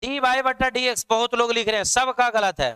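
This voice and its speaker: Online math teacher, male, very high pitch, clear voice, quizzes viewers over and over. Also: steady tone, brisk, sharp tone. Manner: drills students with repeated questions.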